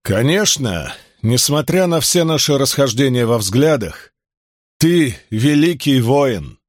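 A man's voice: medium pitch, animated, takes it slowly, no room sound, studio quality. A man doing a rousing rebel leader. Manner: rousing, emphatic. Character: bold male rebel leader rallying followers.

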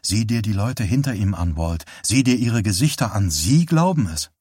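A man voicing a furious middle-aged wife in an audiobook, speaking flat and clipped with restrained anger. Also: lowish voice, moderate pace, husky, no echo, studio quality. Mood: tight, angry. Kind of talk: audiobook character reading.

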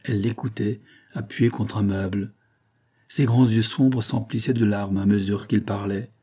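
A man narrating a nineteenth-century novel as an audiobook, in a measured, expressive reading. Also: fairly low pitch, slightly rough.

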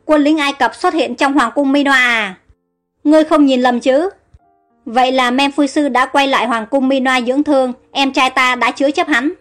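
A woman's voice: sits high, steady tone, moderate pace, close to an everyday voice. Woman voicing a stern vengeful ruler. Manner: commanding. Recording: faint music underneath.

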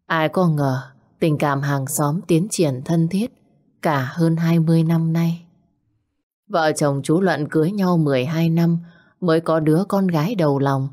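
A woman telling an audio story as a narrator, in a slow and somber way. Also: deep voice, a little mellow.

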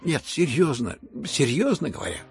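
A man's voice: fairly low pitch, sing-song, moderate pace, vocal fry, soft background music. A man reading an audiobook and voicing a confused, fatherly old general who stammers and exclaims. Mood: bewildered.

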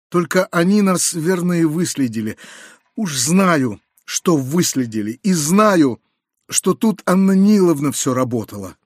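A man reading an audiobook, voicing an anxious, kindly middle-aged uncle who confides in hushed, lowered tones with hurried outbursts. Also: dry recording, studio quality.

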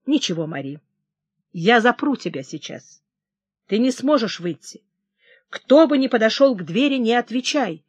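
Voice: mid-range voice, sing-song, normal speed, pauses often, husky, no echo, muffled recording. An audiobook reader voicing a troubled, erratic young male king who gives agitated, feverish commands. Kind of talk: audiobook character reading.

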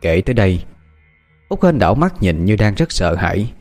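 Man narrating a ghost story, lowish voice. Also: big pitch swings, normal speed, a little mellow, faint music behind.

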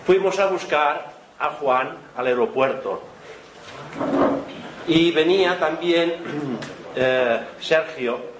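A man's voice: a little high, slow. A man telling a long funny anecdote to a live audience, chatty and often laughing. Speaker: event organizer. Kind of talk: storytelling to an audience. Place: lecture hall with audience. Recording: roomy hall with noise.

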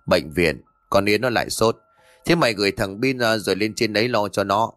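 A man voicing a tired, gruff older uncle who speaks in a weary, curt way. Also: fairly low pitch, brisk, fairly bright tone, dry recording, soft background music, natural voice.

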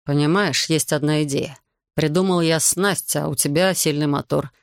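A man voicing a calm, composed official who speaks evenly with quiet irony, in a gravelly voice. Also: fairly high pitch, moderate pace, no room sound, clean studio sound. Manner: even, quietly ironic. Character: calm, wry male official, sober and composed.

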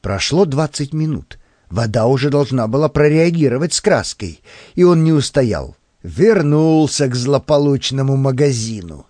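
A man narrating an audiobook in an expressive storytelling manner. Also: mid-range voice, moderate pace, dry recording. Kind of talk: scripted narration.

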